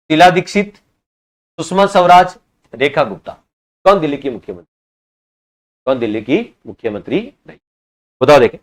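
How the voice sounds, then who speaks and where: A man teaching an online exam-prep class, quizzing students and repeating each answer, at times scolding them for slow replies. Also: mid-range voice.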